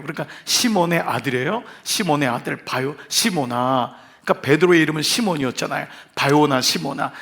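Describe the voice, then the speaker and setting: A male pastor preaching an evening revival sermon in a church sanctuary. His voice sits a little higher than most men's, and he plays out quoted speech with dramatic swings between loud and soft. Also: gravelly. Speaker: senior pastor.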